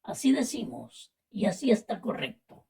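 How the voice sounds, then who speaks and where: A woman from Latin America with a Latin American Spanish accent, teaching a vocabulary and spelling lesson and explaining slowly and carefully with repetitions. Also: mid-range voice, big pitch swings, creaky, mellow, breathy edge. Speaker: language teacher.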